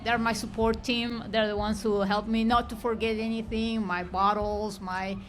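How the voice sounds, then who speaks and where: Woman from Chile, a runner guest, modest short answers, voice a little high. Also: flat delivery, moderate pace, soft background music. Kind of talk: casual interview. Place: outdoor festival plaza.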